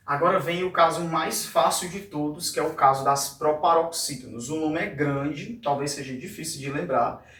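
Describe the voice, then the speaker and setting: A man teaching Portuguese grammar at a whiteboard, pausing often to check with "tá?" and stretching words out syllable by syllable. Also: fairly high pitch, fairly bright tone. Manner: frequent tag questions like "tá?" and "fechado?"; drawn-out syllable-by-syllable pronunciation. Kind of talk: whiteboard lesson explanation. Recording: echoey room, voice a bit distant from the mic.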